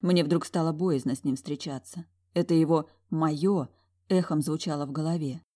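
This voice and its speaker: A woman narrating a first-person fantasy audiobook in a wry, lively storytelling manner. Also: deep voice, fairly quick.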